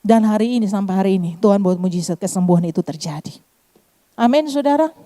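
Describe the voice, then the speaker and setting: Speaking fast in a dark, mid-range voice, this middle-aged woman preacher delivers a sermon woven with her own testimony. Her accent is Eastern Indonesian Kupang Malay, and she often calls out to the congregation, addressing them as "saudara."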